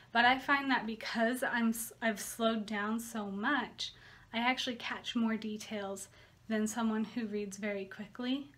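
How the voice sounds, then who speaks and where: A woman's voice: a little high, fairly bright tone. A woman, a part-time teacher, talking casually to camera in a candid, slightly rambling way, correcting herself as she goes. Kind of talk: casual vlog chat to camera. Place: home video studio.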